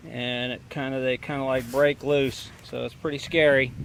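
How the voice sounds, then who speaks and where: A man's voice: mid-range voice, little pitch movement, normal speed, vocal fry, fairly bright tone. A man explaining a repair step by step in casual, plainspoken talk, recorded on a handheld camera. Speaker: vlogger and truck driver. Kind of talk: casual how-to narration. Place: inside a semi truck cab while driving. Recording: noisy truck cab, road noise. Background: truck engine and road noise.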